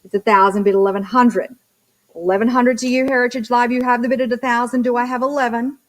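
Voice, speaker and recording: A woman's voice: fairly high pitch, steady tone, fast talker, low-quality recording. A woman working as a live auctioneer, chanting bid numbers and prompts between short descriptions of the lots.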